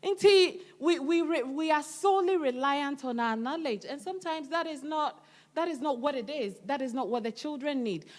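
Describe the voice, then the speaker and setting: A woman hosting a casual chat, talking in an animated way and often switching between languages. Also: high-pitched, normal speed. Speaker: host.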